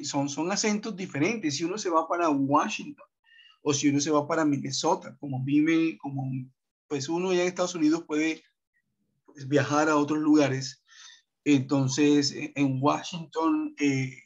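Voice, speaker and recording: Brief: coastal man, fairly high voice, teaching on a muffled video call, chatty with many "eh" and "¿sí?" checks. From Montería, Colombian Atlantic coast. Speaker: English teacher. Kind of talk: online class talk.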